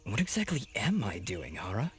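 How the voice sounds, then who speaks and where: A man's voice: lowish voice, wildly swooping pitch, normal speed, faint music behind. A man playing an earnest, bewildered young warrior in a video game, polite and a little hesitant.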